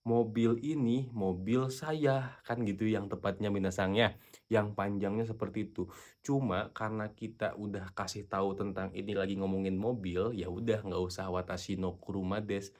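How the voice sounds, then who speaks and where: A man teaching Japanese in a casual online lesson, often addressing his viewers and reading example sentences slowly. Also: lowish voice, steady tone, darkish tone.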